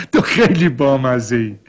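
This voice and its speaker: Jovial wealthy father, dubbed cartoon, husky voice, mid pitch. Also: very animated. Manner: jovial, reassuring. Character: warm wealthy father, confident.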